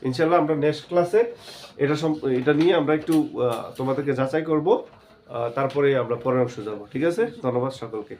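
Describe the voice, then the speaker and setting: A man's voice: medium pitch, brisk, a little mellow. Man, chemistry teacher, classroom lesson, asks and answers his own questions, faint background noise. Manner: asks students questions and answers them himself.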